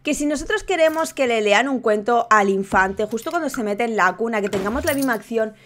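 A young woman giving excited, gushing commentary on a life-sim game. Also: on the high side, fairly quick. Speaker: gaming youtuber. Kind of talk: casual gameplay commentary.

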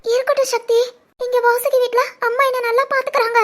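A woman voicing a heartbroken young wife in an animated family drama, with a very high, tearful voice and a Tirunelveli Tamil accent. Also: fairly quick.

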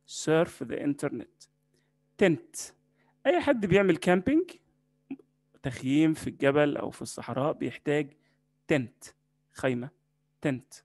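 A man with an Egyptian Arabic accent teaching an English vocabulary lesson, saying each word slowly and repeating it several times. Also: a little high, animated, darkish tone, dry recording.

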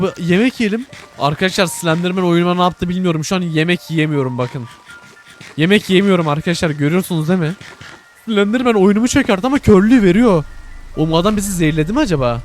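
A man's voice: high voice, quick pace, soft background music. Jumpy young man narrating gameplay. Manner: jumpy, scared, addresses viewers, frequent exclamations. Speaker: gaming YouTuber. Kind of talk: live gameplay commentary.

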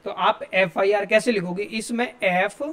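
A man's voice: high-pitched, steady tone, unhurried, fairly bright tone. A male teacher, giving a classroom grammar lesson and explaining step by step while asking his students questions.

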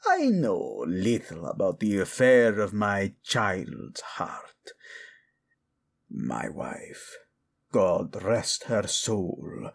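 Sitting low in a gravelly, husky register, a man heavily acts a scheming, cold middle-aged royal father in an audio drama roleplay. He adopts feigned humility, his slow, theatrical lines insinuating and laced with falsely courteous mockery.

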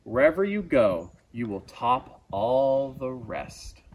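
Outdoors, with ambient noise in the background, a man reads a rhyming children's picture book with theatrical, dramatic emphasis, like a naturalist storyteller. His mid-range voice is sing-song, slightly rough, and unhurried.

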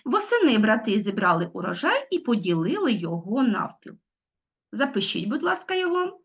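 A woman's voice: a little high, sing-song, a little fast, gravelly, fairly bright tone, slightly rough. A middle-aged woman teaching a recorded online lesson, explaining step by step and asking her pupils questions. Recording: dull lo-fi sound.

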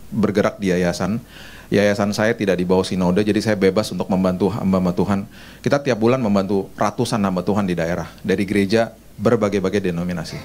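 A middle-aged man preaching in a church service, telling chatty, jokey anecdotes. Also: lowish voice. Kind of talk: humorous sermon storytelling.

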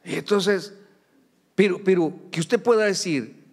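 A man's voice: high voice, measured pace, a little mellow, breathy edge, in a large hall. A middle-aged man, a pastor preaching a sermon in a conversational way with humorous asides to the congregation. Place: church sanctuary.

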